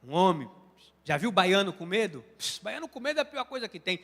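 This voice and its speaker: A man with a Brazilian Portuguese accent, a bishop preaching a passionate sermon with emphatic swings between loud and soft delivery, in a church sanctuary. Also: high voice, sing-song, fairly quick, vocal fry. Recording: reverberant church hall with soft music.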